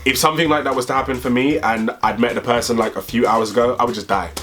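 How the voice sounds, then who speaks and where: A young man from the UK co-hosting a vlog, chatting casually in a playful, animated way. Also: medium pitch, fast talker. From United Kingdom. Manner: animated and playful, bursts into excited squeals. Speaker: co-host. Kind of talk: casual chat.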